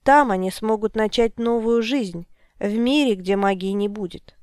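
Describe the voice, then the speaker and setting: A woman reading the lines of a calm, resolute male wizard in an audiobook, with a firm, declaring manner. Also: medium pitch, moderate pace, smooth, dry recording, studio quality, lightly acted.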